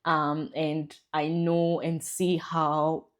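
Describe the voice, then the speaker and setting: A woman with a Ghanaian English accent speaks as a podcast guest. Her voice sits low, and she tells her story in a warm, thoughtful way. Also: level tone, drawn-out words. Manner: warm, reflective storytelling with laughs. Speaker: guest researcher. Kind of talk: podcast interview.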